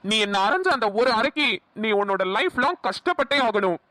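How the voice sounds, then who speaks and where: A woman's voice: fairly high pitch, very animated, brisk, bright, forceful tone, no echo. A woman voicing an arrogant, spiteful young male villain in a cartoon, with a taunting, drawling, sneering manner and a Namakkal Tamil accent.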